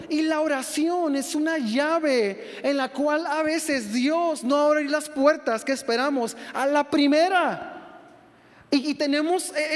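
A man in his thirties with a Mexican Spanish accent, preaching a lively sermon as a pastor and acting out voices with humor. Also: very high voice. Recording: long reverb of a church hall.

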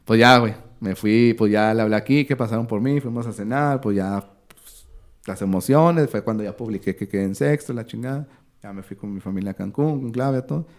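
Slightly quick and lowish in pitch, this man in his 30s, a sports commentator with a Mexican Spanish accent, spins a story as a podcast guest. He's slangy, casual, and animated, playing out other people's lines.

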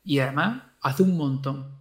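Animated schoolteacher man, echoey room. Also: medium pitch, moderate pace. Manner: animated, acts out quoted speech to pupils. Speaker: teacher. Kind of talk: casual conversation.

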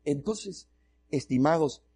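A man's voice: a little high, lively intonation, slow pace, warm tone, slightly rough. A male pastor telling a comic, self-mocking story during a sermon.

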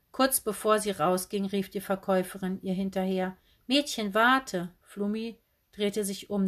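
A woman narrates a children's storybook chapter. Her reading is lively and clear, pitched in a middle register, and she moves easily between narration and characters. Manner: lively storytelling, plays several voices. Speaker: audiobook narrator.

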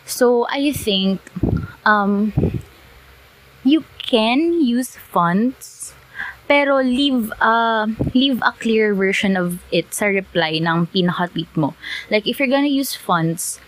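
A woman's voice: fairly high pitch, lively intonation, slow pace, poor audio. A woman with a Filipino accent hosting a casual solo podcast, switching between Tagalog and English and thinking aloud as she goes. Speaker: podcast host.

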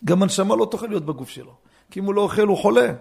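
Rabbi, male, lively storyteller with asides; gravelly, husky tone. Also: high-pitched. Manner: lively storyteller, joking asides, swings from hushed to loud. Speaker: rabbi teaching a lesson. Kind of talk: Torah lesson with anecdotes.

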